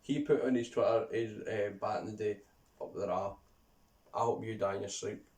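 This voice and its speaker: A man's voice: on the low side, fairly even intonation, moderate pace, creaky, a little mellow, recorded from a distance. A young Scottish man co-hosting a casual chat, sweary and ranting, laughing often. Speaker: YouTube co-host. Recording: roomy and off-mic.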